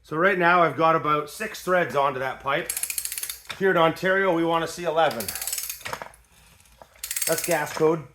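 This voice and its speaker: A man's voice: fairly high pitch, normal speed, long pauses, bright, forceful tone, slight background noise. A man in his workshop, casually demonstrating an old tool in a folksy, plain-spoken way, with ratchet clicks behind him. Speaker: tradesman demonstrating an antique tool.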